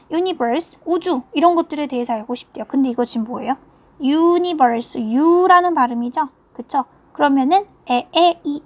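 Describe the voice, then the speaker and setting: A woman teacher giving a recorded grammar lecture, patiently explaining step by step and reading example sentences out slowly. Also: high-pitched, dull audio. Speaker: English teacher.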